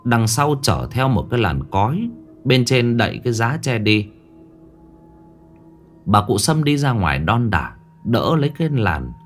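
A man narrating a ghost story in a lively, dramatic storytelling manner. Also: mid-range voice, a little slow, long pauses. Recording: faint background music.

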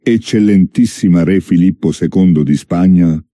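A man playing a usually soft-spoken city governor who thunders a defiant challenge. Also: deep voice, moderate pace, no echo, studio quality, close to an everyday voice. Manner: thundering, commanding proclamation.

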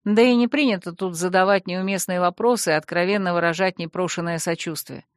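A woman narrating a first-person fantasy audiobook in a measured, expressive reading. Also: on the low side, dry recording, clean studio sound.

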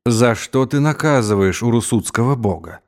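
A man voicing a calm, stern old Mongol general who speaks in a fatherly, even way. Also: mid-range voice, moderate pace, close to an everyday voice.

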